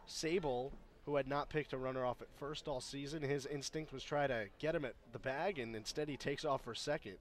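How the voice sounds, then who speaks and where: A man's voice: medium pitch, fairly even intonation, brisk, hardly any pauses. Conversational male baseball color commentator. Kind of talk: conversational live sports commentary.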